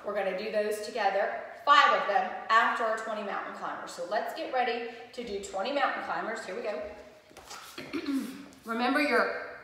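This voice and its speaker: A woman's voice: on the high side, normal speed, bright, forceful tone, heavy reverb, in a large hall, rough recording. A woman PE teacher leading an exercise lesson, upbeat and counting reps aloud, a little out of breath. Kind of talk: exercise instruction video.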